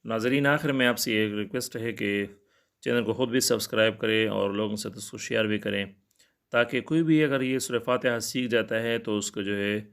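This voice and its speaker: Low-voiced man teaching Quran recitation. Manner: plain, explanatory and repetitive, with filler pauses. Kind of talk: recitation lesson with explanations.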